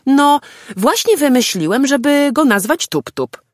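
A woman voicing a small, cheerful male storybook creature who calls out eagerly in a high voice. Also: big pitch swings, unhurried, no room sound, clean studio sound. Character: small cheerful male Pampiludek, curious and kind.

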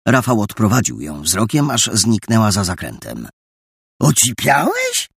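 A man reading a story aloud in an expressive, lively storytelling manner. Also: on the low side, moderate pace, creaky, breathy edge, no echo, clean studio sound. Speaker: narrator. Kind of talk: audiobook narration.

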